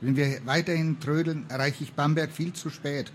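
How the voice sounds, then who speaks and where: A man's voice: a little high, fairly even intonation, normal speed, a little hiss or hum, close to an everyday voice. A man reading the lines of a stern, dutiful young woman, a traveling apothecary in an old tale, in a firm, earnest manner. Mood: scolding.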